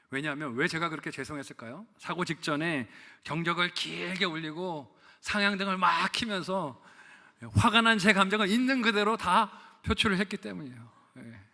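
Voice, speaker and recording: A middle-aged man preaches a sermon in a church, his voice bright and sitting a bit high. He carries his point through a personal story, breaking it up with questions to the congregation. Long reverb trails after each phrase. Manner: storytelling with quoted asides, rhetorical questions. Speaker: pastor. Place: church sanctuary.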